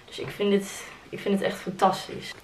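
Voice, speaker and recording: A woman's voice: mid-range voice, moderate pace, slight background noise, low-quality recording. Chatty young woman vlogging at home. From Netherlands. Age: 20s. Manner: chatty, excitable, mixes in English phrases. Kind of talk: casual vlog chat. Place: bedroom at home, indoors. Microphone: handheld camera close up.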